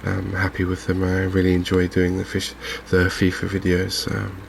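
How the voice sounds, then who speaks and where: In a gaming video, a male host gives soft-spoken ASMR-style commentary, unhurried and hesitant, as if musing to himself. His deep voice is monotone and gravelly, with a slight hiss or hum in the audio.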